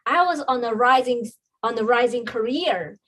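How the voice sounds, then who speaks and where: Her fairly bright, somewhat high voice moves at a normal speed as this Chinese business coach shares her own story in a podcast interview. She comes across as earnest and reflective, often saying "um."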